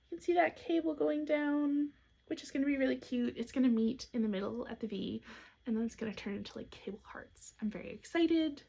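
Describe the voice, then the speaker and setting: Chatty young woman with a gravelly edge. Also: high-pitched. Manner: chatty and upbeat, with soft asides. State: has hiccups. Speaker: knitwear designer and podcast host. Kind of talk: casual show-and-tell podcast chat.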